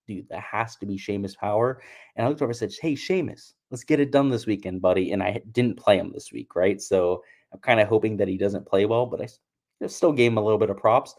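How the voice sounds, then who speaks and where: Young man, slightly low voice, chatty, casual, storytelling, golf picks host. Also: darkish tone. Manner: chatty, storytelling, laughs at himself. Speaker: golf betting channel host. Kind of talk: casual talk.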